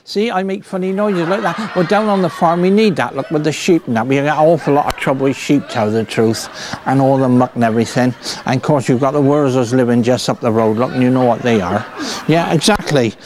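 A comic performer with a Somerset accent plays a cheerful, bumbling rustic farmer in a stage comedy act, rambling in a folksy way and ending his lines with "see" and "look." His mid-range voice moves fairly quickly and is lightly acted. Piano music plays behind him amid some background noise.

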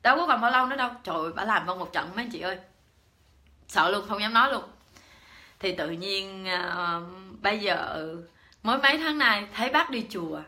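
A woman's voice: mid-range voice, expressive, moderate pace, sharp tone. A middle-aged woman with a Southern Vietnamese accent giving a personal Buddhist dharma talk, chatty and full of fillers and repetitions as she speaks straight to her listeners. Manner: chatty, lots of fillers and repeated words, addresses listeners directly.

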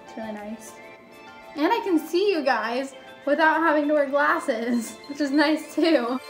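A woman's voice: high-pitched, low-quality recording. A young woman chatting casually to her viewers as a vlogger, sprinkling her talk with "like". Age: young adult. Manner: chatty, filler-heavy with frequent "like". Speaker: YouTuber. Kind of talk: casual chit-chat vlog to viewers. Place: small bedroom, indoors. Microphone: phone at arm's length. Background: background music.

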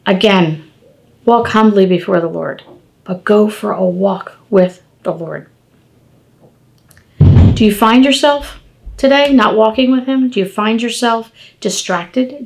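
A woman in her fifties giving an informal devotional talk at home, animated and conversational, speaking to the camera from across a table. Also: mid-range voice, unhurried, vocal fry. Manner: animated, gesturing, conversational preaching. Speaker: devotional podcast host. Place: home dining room, indoors.

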